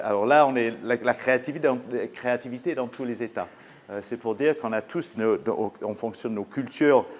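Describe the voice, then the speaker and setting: This is a conference presentation in French by a business school professor, a man who is a native English speaker with an English accent. His pitch is medium, and his delivery is hesitant, full of fillers and false starts.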